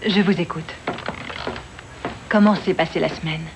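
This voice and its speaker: An actress playing a composed therapist and radio counsellor, measured and formal in a film drama. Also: female voice, on the low side, steady tone, muffled recording, over music. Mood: composed, professional. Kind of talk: French-dubbed film drama.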